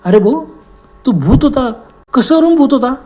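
A man voicing a kindly older villager asks questions and coaxes in a fairly high, mellow voice. He talks in a friendly, persistent way, in a spoken ghost story. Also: expressive, normal speed. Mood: curious. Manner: questioning, coaxing. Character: older male village passenger, kindly and curious.

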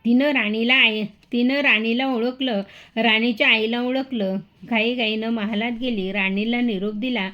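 Woman narrating a devotional story, steady sing-song reading, highish voice, muffled lo-fi. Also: measured pace. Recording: dull lo-fi recording.

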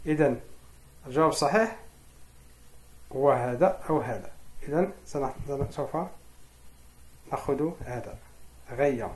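A man teaching a French grammar lesson, explaining verb rules step by step and spelling out forms slowly. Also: mid-range voice, roomy sound.

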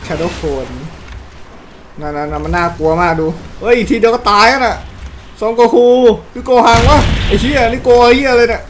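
A man giving loud, excitable gameplay commentary, swearing constantly and yelping as he plays. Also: high-pitched, normal speed, a little hiss or hum. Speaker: gaming YouTuber. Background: game music.

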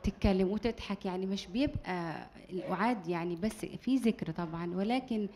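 A woman's voice: mid-range voice, brisk, a little mellow, a little hiss or hum. A woman with an Egyptian accent, a talk show guest, speaking earnestly and with admiration in casual chat.

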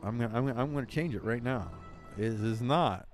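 A man hosting a let's play, giving casual commentary on his strategy game with theatrical mock grief and loud outbursts. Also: medium pitch, a little fast, soft background music.

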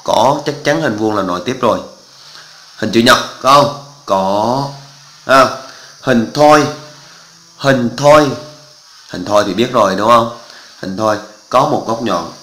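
A man's voice: mid-range voice, takes it slowly, long pauses, pushed and bright, echoey room, low-quality recording. A male math teacher, walking through exam answers step by step and often checking that students follow. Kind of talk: exam walkthrough lesson.

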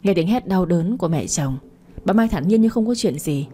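A woman narrating a radio story in a calm, even reading voice. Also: lowish voice, normal speed, slight background noise.

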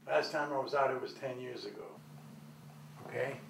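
An actor playing a gruff older man who is an estranged father, asking blunt, probing questions. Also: mid-range voice, fairly even intonation, moderate pace, echoey room, noisy background, natural voice. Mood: somber. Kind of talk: film drama acting.

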